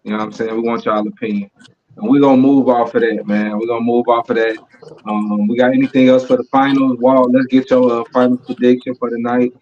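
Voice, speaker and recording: A man hosting a sports podcast, steering the talk in a relaxed, easygoing way. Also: mid-range voice, brisk, dull audio. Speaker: podcast host.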